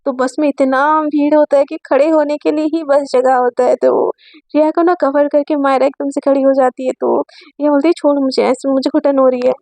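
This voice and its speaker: A woman's voice: sits high, steady tone, moderate pace, dark tone, no echo. A woman telling a romance story in a chatty, casual way, full of fillers and asides to the listener.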